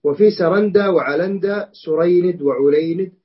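A student in a lesson reads a classical text aloud, his voice a bit high-pitched. He keeps a steady reciting pace and backs up to fix the odd slip. The sound is dull and lo-fi. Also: moderate pace. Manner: steady recitation with small slips and restarts. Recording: dull lo-fi recording.

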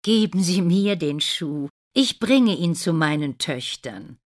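A woman voicing a harsh stepmother in a storybook, speaking loudly and bossily. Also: on the low side, animated, slow, pitched above the performer's own voice. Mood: commanding. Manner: sharp, loud, commanding.

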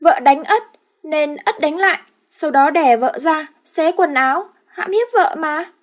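A woman's voice: high voice, measured pace, voice pushed up. A woman doing a simple-minded brute of a village man. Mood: panicked. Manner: childlike, calls himself by name.

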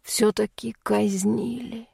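A flustered, evasive official, as a woman puts him on, speaking slowly and soothingly in a lowered, mellow voice. The audiobook read is dry and close. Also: flat delivery, gravelly, slightly rough, no room sound, heavily acted.

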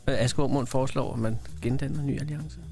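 A Danish male co-host with a mid-range voice trades casual banter. He cuts in with quick, dry, teasing remarks, and faint music sits behind him. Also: mid-range voice, fairly even intonation, vocal fry, mellow. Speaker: radio host.

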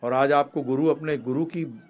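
A man giving a Gita discourse, rising to loud emphatic peaks and dropping to low, quick asides, asking the audience questions and answering them himself. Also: steady tone, lo-fi sound. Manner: addresses listeners as prabhu ji. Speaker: preacher.

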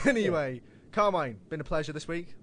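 Male podcast host, casual and sweary, slightly high voice, lively delivery. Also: moderate pace, a little hiss or hum. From United Kingdom. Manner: swears casually, laughs at own slips. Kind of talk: casual wrestling podcast chat.

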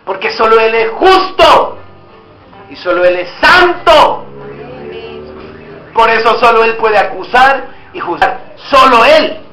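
A man's voice: extremely high pitch, expressive, takes it slowly, long pauses, pushed and bright. A man preaching a sermon as pastor, acting out back-and-forth dialogues with God. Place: church hall. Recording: echoey church hall with faint music.

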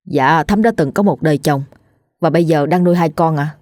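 A woman's voice: low voice, a little fast, a little mellow, dry recording, studio quality, natural voice. A woman voicing a pleading, determined grown son. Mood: polite. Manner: pleading, insistent. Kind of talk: storytelling.

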